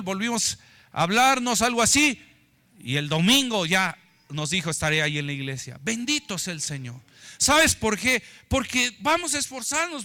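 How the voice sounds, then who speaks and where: Male pastor, high bright voice, lively teasing sermon delivery. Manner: animated, acts out complaining voices, teasing. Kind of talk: live sermon.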